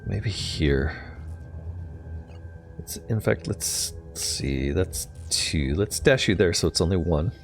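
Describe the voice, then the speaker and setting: A man's voice: low-pitched, expressive, slow pace, music in the background. A man giving casual gameplay commentary, thinking aloud tentatively as he plays. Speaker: gamer narrating own play.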